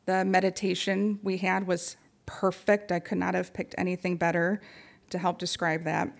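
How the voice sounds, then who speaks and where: A young adult woman gives a prepared talk on supporting grieving people, speaking gently with many pauses. Her voice is on the low side, level in tone and creaky.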